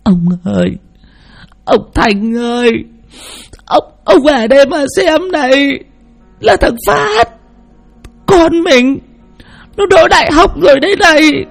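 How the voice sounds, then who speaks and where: A man voicing an elderly poor village mother in a high, strained falsetto, with music underneath. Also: expressive, slow pace, creaky, long pauses, heavily acted. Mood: tearful joy.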